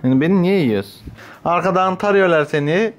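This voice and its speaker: Playful man scolding a puppy, slightly high. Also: brisk, soft background music. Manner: playful, laughing, teasing scolds at a biting puppy. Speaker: vlogger playing with his new puppy. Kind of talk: casual home vlog chat. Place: at home indoors.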